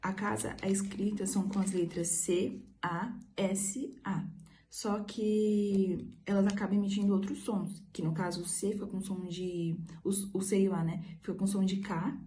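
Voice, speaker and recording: A woman's voice: mid-range voice, fairly even intonation, normal speed, warm tone. A woman explaining a topic in a class presentation, with fillers. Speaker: student presenter.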